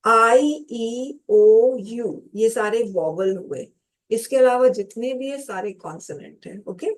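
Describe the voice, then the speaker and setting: Woman, grammar teacher, fairly high voice, slow and patient, poses questions and answers them herself. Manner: addresses viewers as students. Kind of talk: classroom grammar lesson.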